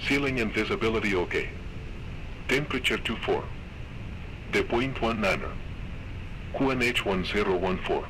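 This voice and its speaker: A man's synthetic voice reading an automated airport weather broadcast in a flat, clipped readout of wind, temperature and runway figures. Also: on the low side, normal speed, pauses often.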